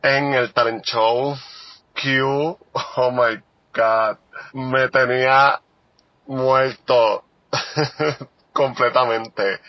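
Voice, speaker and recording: Husky guy, chatty voicemail, kinda muffled lo-fi sound. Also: mid-range voice, no echo. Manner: chatty, mixes in English. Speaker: voicemail caller. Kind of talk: casual voice message.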